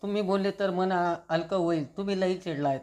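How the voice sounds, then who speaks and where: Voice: mid-range voice, a little fast, a little mellow, close to an everyday voice. The narrator reading the lines of a blunt, loyal male office assistant who pleads with his boss. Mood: pleading.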